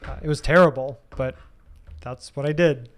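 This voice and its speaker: A man's voice: mid-range voice, moderate pace. A man in his thirties answering viewer questions casually in a live stream, thinking aloud with frequent ums and restarts. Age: 30s.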